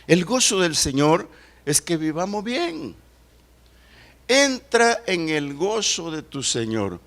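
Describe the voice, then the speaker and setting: Bright-voiced older male pastor preaching. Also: very animated, slow pace. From El Salvador. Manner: preaching with wide swings between loud declaration and low asides; reads scripture aloud. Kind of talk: sermon.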